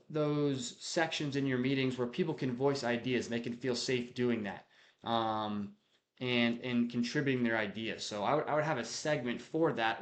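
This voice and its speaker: A man speaking casually and directly as a leadership coach, talking to camera with frequent restarts, often acting out quick lines of dialogue. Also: mid-range voice. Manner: casual, direct, conversational, with frequent restarts and acted-out example quotes. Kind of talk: unscripted talk to camera on leadership.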